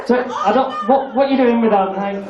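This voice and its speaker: A man's voice: extremely high pitch, a little fast, highs cut off. A man with a British accent doing comedy stage hypnosis, giving commanding hypnotic instructions mixed with cheeky, blunt banter to the people on stage. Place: live comedy show on stage. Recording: echoey room, distant mic, audience noise. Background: audience crowd.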